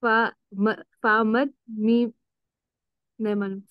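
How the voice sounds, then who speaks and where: A woman's voice: on the high side, level tone, very slow, clear, resonant tone, dry recording. A woman student reciting letters, hesitant and careful as she works them out. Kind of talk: reciting lessons aloud. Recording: dry, dull lo-fi sound.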